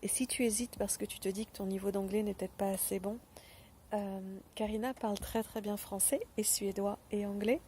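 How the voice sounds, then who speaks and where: A woman giving a spoken testimonial straight to the viewer, gentle and earnest, with hesitant pauses and fillers. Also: medium pitch, fairly even intonation, slight background noise. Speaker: former program participant giving a testimonial.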